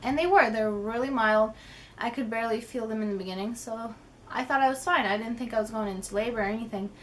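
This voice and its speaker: A young woman tells a personal story to her camera at home in an easy, chatty way. She fills her sentences with "um" and acts out what everyone said with "I'm like" and "she's like." Her voice sits a little high, and a faint hiss runs under the recording. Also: fast talker. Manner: chatty, many "um"s and "I'm like" retellings. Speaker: vlogger.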